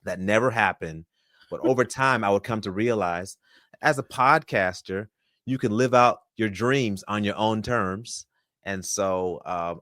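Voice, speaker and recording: A man from Florida, USA, in his thirties, appears as a podcast guest, answering interview questions in an upbeat, polished speaker's way. His voice is lowish with a fairly bright tone, and the recording is dry with clean studio sound.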